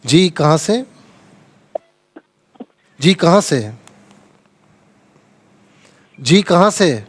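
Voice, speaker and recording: A man's voice: on the high side, expressive, slight background noise. A man from Pakistan hosting a televised religious lesson, explaining verses and patiently correcting callers' recitation. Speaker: Quran teacher and TV host. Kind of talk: religious lesson with live call-ins. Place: TV studio.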